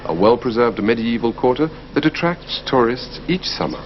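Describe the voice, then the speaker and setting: Over music, a man presents a language course in scripted narration, clear, explanatory, and lively. His voice is medium in pitch at a moderate pace, and the broadcast audio sounds slightly muffled with faint hiss.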